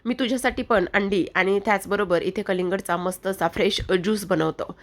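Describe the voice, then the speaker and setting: A woman's voice: mid-range voice, fairly quick, lightly acted. Lady doing a young husband sticking up for his wife, earnest and pleading. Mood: protective.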